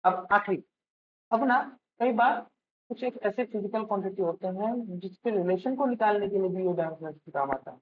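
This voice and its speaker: A man's voice: high voice, normal speed. Man teaching physics, asking his own questions. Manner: asks and answers his own questions, checking in with students; calls students "beta" affectionately. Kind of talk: classroom-style lecture while writing out a problem. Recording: dull lo-fi recording with faint noise.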